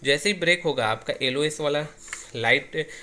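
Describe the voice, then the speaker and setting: An Indian man with a fairly high-pitched, sharp-toned voice presents an informal, hands-on tech tutorial at normal speed. He explains things step by step and often repeats himself.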